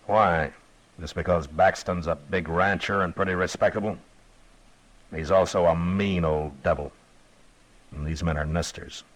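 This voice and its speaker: An actor playing a calm, firm frontier marshal in a 1950s radio drama. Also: male voice, sits low, unhurried, long pauses, poor audio. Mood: stern. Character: steady, stern frontier marshal.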